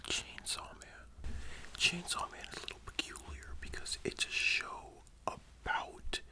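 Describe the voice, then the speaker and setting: A voice in a soft library whisper, giving an explanatory lesson as an ASMR whispered role-play. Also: a little slow. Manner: explanatory, checking the listener understands. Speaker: ASMR content creator.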